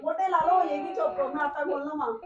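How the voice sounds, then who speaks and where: Woman playing anxious young woman, coaxing, questioning, very high voice. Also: fast talker, lo-fi sound, crowd noise, lightly acted. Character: anxious young woman helper, prying and concerned.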